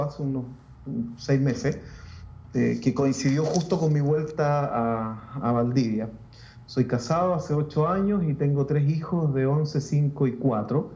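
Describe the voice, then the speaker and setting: Reflective Chilean man, mellow voice. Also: mid-range voice, roomy sound, dull audio. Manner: reflective, halting, with many restarts. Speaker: Lutheran pastor. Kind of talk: casual interview chat.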